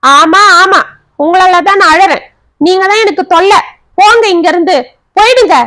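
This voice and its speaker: A woman's voice: moderate pace, a bit bright, no room sound. A woman voicing an overwhelmed young working wife who speaks in an anguished, pleading way. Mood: furious. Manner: anguished, pleading, shrill when upset.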